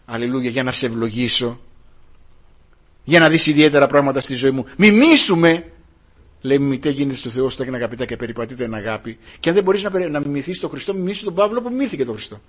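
A man preaching an impassioned sermon, swinging from hushed tones to shouted rhetorical questions. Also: medium pitch, lively intonation, slightly rough.

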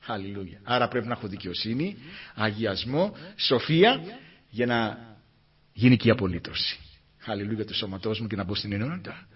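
A man preaching a fervent sermon, breaking into hallelujahs and rising from quiet murmurs to loud emphatic peaks. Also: expressive. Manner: fervent, exclaims hallelujah between points; rises from low murmurs to loud emphatic climaxes. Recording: muffled lo-fi recording.

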